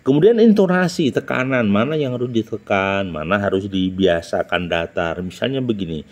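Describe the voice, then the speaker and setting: Lively, emphatic man. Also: moderate pace. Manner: emphatic, jumps up in pitch to announce each numbered point; rhetorical questions, frequent "nah" and "ya". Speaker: public speaking teacher. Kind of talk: instructional talk.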